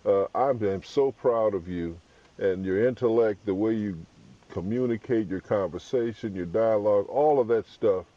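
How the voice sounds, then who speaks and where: An older man hosting a radio interview, offering a guest earnest, measured praise. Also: lowish voice. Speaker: radio host. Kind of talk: heartfelt on-air tribute. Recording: dull lo-fi radio line.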